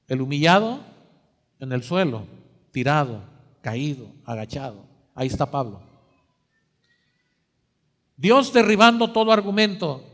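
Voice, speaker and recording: High-voiced preacher in a reverberant church. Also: male voice, expressive, measured pace, long pauses. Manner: dramatic, asks the congregation rhetorical questions, swings between soft and loud. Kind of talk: sermon. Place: church sanctuary.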